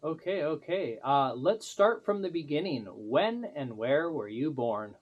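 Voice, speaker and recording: A man's voice: fairly high pitch, lively intonation, a little slow, muffled recording. A man interviewing a guest, overly polite and mock-earnest.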